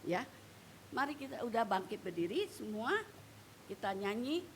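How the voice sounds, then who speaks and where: An older woman, a retired pastor, giving a slow and earnest personal testimony in a church sermon. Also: a little high, animated.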